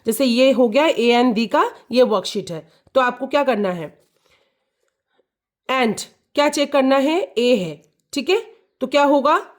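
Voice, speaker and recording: Slow, patient woman teaching. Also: high-pitched, expressive. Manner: repeats key words, checks "clear?" and "ठीक है". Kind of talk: explaining an English lesson to children.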